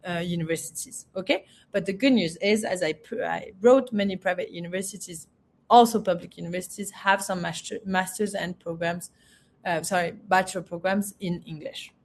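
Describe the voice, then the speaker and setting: A woman from France, a university representative, giving a webinar presentation with many pauses, fillers and restarts. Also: fairly low pitch, a little hiss or hum.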